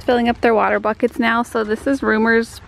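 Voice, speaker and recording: A woman narrating a casual barn tour with a slightly raised pitch and a gravelly, creaky edge to her voice. She talks in a chatty, explanatory way and laughs easily. Faint background hiss sits under her handheld-camera sound. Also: flat delivery, fairly quick. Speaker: vlogger. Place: horse barn and paddock, indoors and outdoors.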